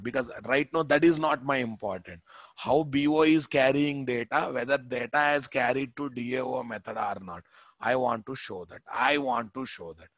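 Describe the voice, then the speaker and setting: A man's voice: medium pitch, a bit bright, no room sound. A man with a Telugu Indian accent teaching a live coding class as instructor, repeating phrases and putting rhetorical questions to his students. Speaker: programming instructor.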